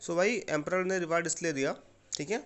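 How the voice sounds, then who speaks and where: A man's voice: fairly high pitch, a bit bright. Indian man teaching an English lesson. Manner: explains slowly and repeats, often asking "okay?". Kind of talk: online class lesson.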